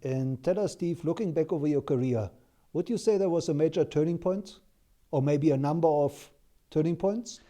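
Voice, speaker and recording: Male interviewer, fairly high voice, very dark mellow tone, polite questions. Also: moderate pace.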